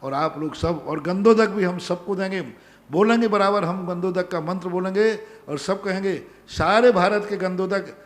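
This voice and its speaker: A high-voiced male Jain monk speaks at a moderate pace, his sermon carrying the sound of a big room, a large pandal with hardly anyone in it. He answers devotees' questions emphatically and keeps repeating his commands.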